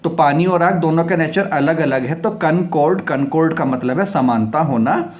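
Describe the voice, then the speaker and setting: Man teaching English words, slightly high voice. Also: lo-fi sound. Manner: spells words out letter by letter and reads example sentences slowly; explanatory, repeats each word several times. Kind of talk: vocabulary lesson.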